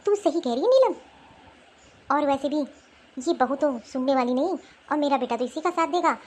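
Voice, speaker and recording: A woman's voice: high voice, expressive, normal speed. Woman voicing a grumbling old mother-in-law. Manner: grumbling agreement. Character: older mother-in-law, easily swayed and grumbling.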